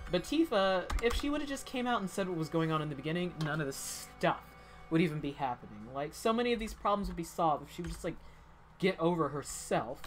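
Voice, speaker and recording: A woman with a fairly low voice rambles through casual commentary while she plays. Her talk is full of "like" and swings between heated complaints and cheer. Soft game music sits faintly behind her. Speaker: gameplay commentator. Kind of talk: casual gameplay chat.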